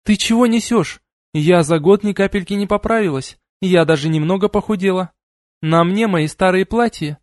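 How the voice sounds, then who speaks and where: A man's voice: high-pitched, fairly quick, darkish tone, no room sound, studio quality, pitched above the performer's own voice, lightly acted. A man voicing a touchy young woman who teases her friends. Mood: offended.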